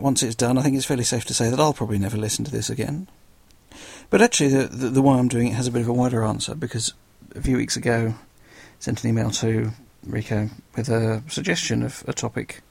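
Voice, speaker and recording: A man's voice: medium pitch, steady tone, brisk, creaky, darkish tone, breathy edge, no room sound. A man with a South London accent hosting a podcast solo, chatting casually in a dry, self-deprecating way. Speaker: guest podcast host.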